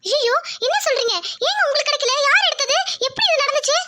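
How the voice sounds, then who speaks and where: A woman's voice: very high voice, animated, fast, pushed and bright, slight background noise, full character voice. A woman voicing a worried mother and wife who pleads with her angry husband. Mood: anxious. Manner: anxious, pleading.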